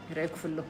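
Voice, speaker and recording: A woman's voice: fairly low pitch, noisy background. A woman with an Egyptian Arabic accent chatting casually on a live stream, reading out viewers' names and teasing them playfully.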